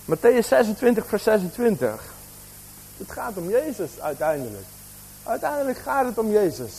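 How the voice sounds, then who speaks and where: A man's voice: high-pitched, very animated, moderate pace, gravelly, a little mellow, a little hiss or hum, poor audio. A man preaching a sermon, asking the congregation questions, with a slight cough.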